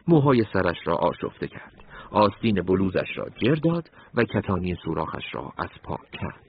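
A man narrating a story in a measured, dramatic way. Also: deep voice, narrow, tinny audio, slight background noise.

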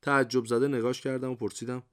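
An older man, a war veteran, telling his memories in a lively, conversational storytelling manner full of everyday idioms. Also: lowish voice. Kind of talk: colloquial memoir storytelling.

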